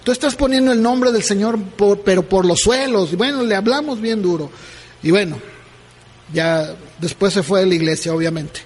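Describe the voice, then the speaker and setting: A man's voice: sits high, normal speed. A male pastor preaching a sermon, telling a story and acting out the people in it, then reading scripture aloud. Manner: animated, acts out conversations in quoted voices. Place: church. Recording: reverberant church hall.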